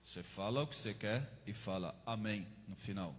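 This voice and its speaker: A man voicing a burly, tattooed male cellmate who speaks in a deep, slow, calm way. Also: long reverb tail, slight background noise, lightly acted. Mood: matter-of-fact.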